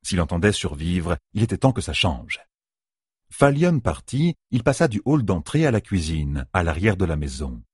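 A male audiobook narrator reads a novel with a low, slightly husky voice. His intonation swings widely and expressively. The recording is dry and close, with no room sound. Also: very animated, moderate pace, no echo. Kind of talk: scripted narration.

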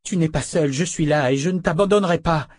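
A man's voice: lowish voice, normal speed, mellow, husky, dry recording, studio quality. A man playing an earnest young man, urgent. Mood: panicked. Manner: urgent, pleading, raised voice.

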